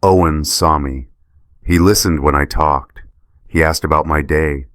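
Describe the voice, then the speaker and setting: A man's voice: a bass voice, steady tone, a little slow, no echo, clean studio sound. A man voicing a guilty, tearful wife who pleads and defends herself, in a story narration. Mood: pleading. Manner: soft, pleading delivery.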